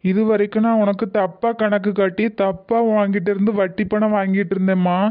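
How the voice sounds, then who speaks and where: A man's voice: sits high, level tone, brisk, lightly acted. A man playing a remorseful old village moneylender. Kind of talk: cartoon voice acting. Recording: tinny phone-like audio.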